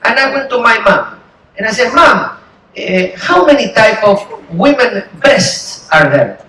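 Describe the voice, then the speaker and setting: A man telling a long joke on a theatre stage, acting out his parents with big leaps in his voice. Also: measured pace. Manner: animated storytelling, acting out quoted parents with big pitch jumps. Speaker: comedy game show panelist. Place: large theatre on a cruise ship. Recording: echoey theatre, heard from a distance, loud audience noise. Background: audience laughter.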